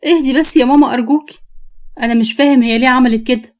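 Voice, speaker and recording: A woman's voice: high-pitched, very fast, a little mellow, close to an everyday voice. A woman with an Egyptian accent voicing a blunt, resentful younger sister in a spoken story. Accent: Egyptian Arabic.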